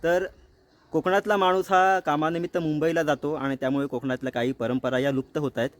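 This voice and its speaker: A man's voice: fairly high pitch, little pitch movement, fairly quick. A man from Konkan in Maharashtra who hosts a vlog, introducing it to camera in a friendly, casual way and speaking straight to his viewers. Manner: friendly, direct address to viewers. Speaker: vlog host.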